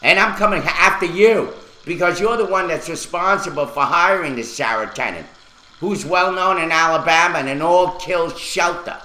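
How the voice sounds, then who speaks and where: A man's voice: on the high side, sharp tone, roomy sound, low-quality recording. Furious ranting man on radio. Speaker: radio talk show host. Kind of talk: angry on-air rant.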